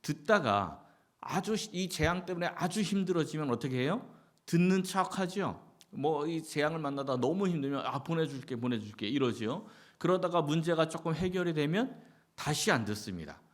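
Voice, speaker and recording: Lively Korean pastor preaching a sermon. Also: male voice, a little high, normal speed. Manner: asks the congregation many questions and answers them himself; lively, rising and falling delivery with short acted-out quotes. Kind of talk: Sunday sermon.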